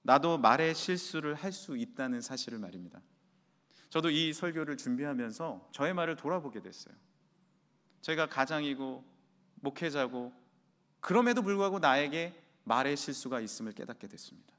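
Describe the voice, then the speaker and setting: Lively male pastor preaching in a hall. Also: fairly high pitch, normal speed. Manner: animated storyteller, acts out quoted voices. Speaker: senior pastor. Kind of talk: sermon. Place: church sanctuary. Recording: long reverb of a large hall.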